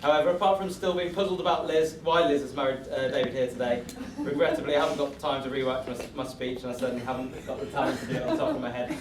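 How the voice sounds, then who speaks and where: A man's voice: medium pitch, fast, few pauses. A man giving a scripted wedding toast as best man, joking in a self-deprecating way. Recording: echoey room, distant mic, noisy venue.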